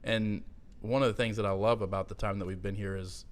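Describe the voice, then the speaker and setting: A man's voice: lowish voice, steady tone, brisk. A man as a podcast guest, recalling his workplace in a reflective manner with dry humor. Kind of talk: casual interview chat.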